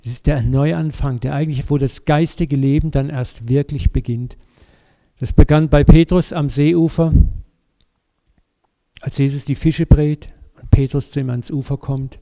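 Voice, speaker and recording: A man preaching a sermon, telling a story with lively, vivid asides and speaking directly to his congregation. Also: fairly high pitch, unhurried, creaky.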